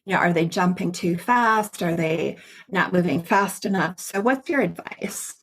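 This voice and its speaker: A cheerful middle-aged woman hosts a conversational interview, her voice sitting a little low. She talks in a chatty, upbeat, storytelling way. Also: measured pace. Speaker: podcast host. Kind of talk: casual interview chat.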